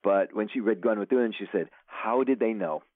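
This low-voiced man talks fairly quickly as an interview's author guest, chatting loosely and restarting often amid many fillers. The call sounds tinny and dry, without echo.

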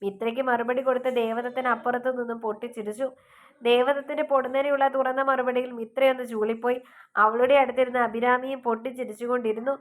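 A woman narrating a love story in a steady, even reading manner. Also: fairly high pitch, fast.

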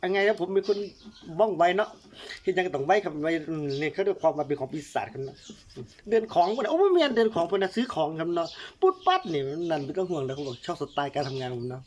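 A man's voice: on the high side, very animated, fast, muffled recording, slight background noise. A man, vlogging while cooking and joking playfully, teasing and making silly sound effects. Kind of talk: joking casual monologue.

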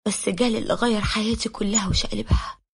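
A woman's voice: medium pitch, steady tone, quick pace, slightly rough. A woman with an Egyptian accent narrating a man's first-person story. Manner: voices a 37-year-old man's story, angry outbursts in quotes.

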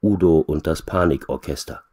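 A man reading a graded storybook aloud for language learners, slowly and clearly. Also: a bass voice, mellow. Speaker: reader.

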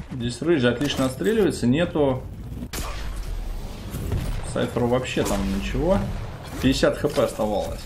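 Male game commentator with clear background noise. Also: medium pitch. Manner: informal, gamer slang, exclaims at plays. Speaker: esports commentator.

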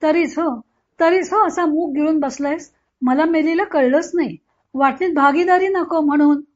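A woman's voice: high voice, normal speed, lightly acted. A woman reading as a bitter, taunting old mother-in-law. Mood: scolding. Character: harsh scolding older mother-in-law. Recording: dull lo-fi recording.

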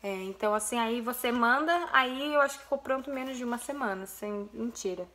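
A young Brazilian woman, a mother, vlogs casually, gushing to her viewers as she shows them a photo album. Her voice sits on the high side and sounds brisk, bright, and forceful, with a Brazilian Portuguese accent.

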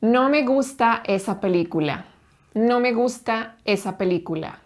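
Woman, Spanish teacher, slow and deliberate, over-enunciates for learners. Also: a little high, animated. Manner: patient, slow, stresses each syllable. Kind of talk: slow, clear language drill.

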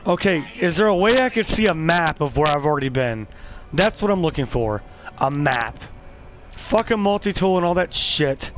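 Excitable high-voiced man playing a game. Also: moderate pace, low-quality recording. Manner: casual, excitable, swears often, talks to creatures. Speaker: gameplay streamer. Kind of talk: let's-play commentary.

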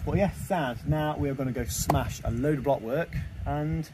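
Young bricklayer chatting over loud site noise. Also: male voice, on the high side, normal speed. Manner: relaxed, explains while working, slangy. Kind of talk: casual on-the-job vlog. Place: outdoor building site in a housing estate. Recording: loud work noise outdoors.

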